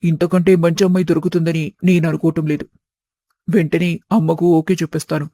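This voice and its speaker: A woman's voice: on the low side, little pitch movement, fairly quick, warm tone, dry recording, studio quality, voice pushed down, lightly acted. A woman voicing an easily riled grown-up eldest son in a storybook tale. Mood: musing. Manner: exasperated, argumentative. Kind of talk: storybook voice acting.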